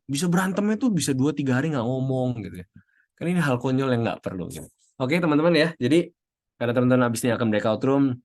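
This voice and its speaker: A man giving a casual talk to a group on a video call, chatty, acting out little quotes and mixing in English phrases. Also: fairly low pitch. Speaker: speaker at an online youth session.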